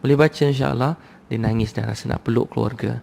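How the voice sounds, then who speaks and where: A man's voice: medium pitch, fairly even intonation, fast talker, gravelly, a little mellow, slight background noise. A man preaching a sermon to a live audience in a Malaysian Malay accent, conversational and repetitive, urging his listeners.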